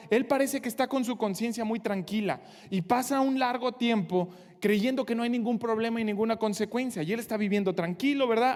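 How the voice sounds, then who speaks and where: A man's voice: high voice, darkish tone. A man preaching a sermon, speaking directly to his congregation with earnest conviction. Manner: earnest preaching, addressing the congregation directly, acting out short quotes. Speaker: pastor. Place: church hall. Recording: long hall reverb.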